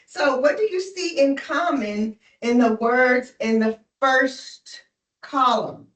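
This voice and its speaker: A woman's voice: high-pitched, takes it slowly, a bit bright, reverberant, far from the mic, rough recording. A woman tutoring a student in phonics, patient and encouraging, often checking in with "right?". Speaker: reading tutor. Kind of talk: one-on-one phonics lesson.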